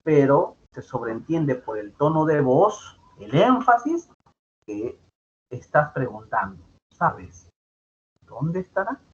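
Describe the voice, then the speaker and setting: A man's voice: mid-range voice, very animated, slow pace. A male teacher giving an online grammar lesson, explaining patiently and repeating his points with tag questions. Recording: dull lo-fi sound with faint background noise.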